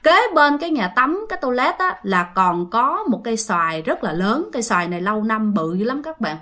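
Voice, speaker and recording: Lively woman storyteller. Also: on the high side, fairly quick. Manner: chatty, addresses listeners directly. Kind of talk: casual ghost story narration.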